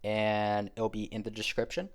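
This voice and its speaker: A man's voice: lowish voice, completely flat delivery, normal speed, no echo. A man giving a casual game tutorial, explaining step by step and correcting himself as he goes. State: hiccuping. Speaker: gaming YouTuber.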